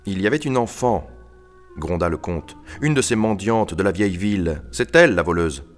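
A man's voice: sits low, expressive, moderate pace, soft background music. A man voicing a proud, ruined nobleman, a count who speaks in a haughty and indignant way in an audiobook story. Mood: grumbling. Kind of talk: audiobook reading.

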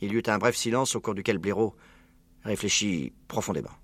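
A man reading a children's storybook aloud in a calm, low-key narrating voice. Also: brisk, dry recording. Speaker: audiobook narrator.

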